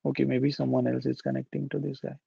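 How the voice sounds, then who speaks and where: Young man, gravelly, thinking-aloud software demo, dry dull video call audio. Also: medium pitch, monotone, quick pace, no echo. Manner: casual, thinking aloud with fillers like "right?" and "this guy". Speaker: meetup presenter. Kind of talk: live software demo with screen share. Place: indoor room.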